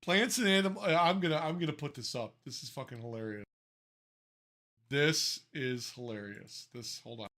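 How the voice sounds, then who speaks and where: A man's voice: on the high side, normal speed, few pauses, pushed and bright. A man co-hosting a casual podcast, ranting and swearing in exasperation, often restarting his sentences. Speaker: podcast co-host.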